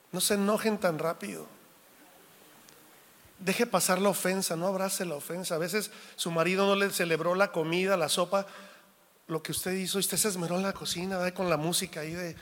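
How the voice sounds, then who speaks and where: A man delivers a sermon as pastor, his voice sitting fairly high. He jokes and acts out little quotes in an animated way. The sound carries a long reverb, like a large church hall. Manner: jokey, animated preaching with acted-out quotes.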